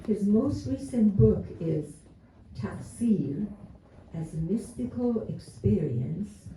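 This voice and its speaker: Introducing a speaker at a community gathering, this American host in his seventies reads from prepared remarks laced with dry humor. He speaks slowly and expressively in a high-pitched, warm voice. The recording sounds roomy, from a distant mic, with faint background noise.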